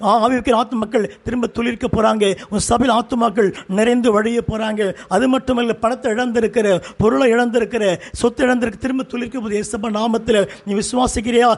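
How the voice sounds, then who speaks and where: A man preaching a fervent sermon in short repeated phrases as pastor, with a Tamil accent. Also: extremely high pitch.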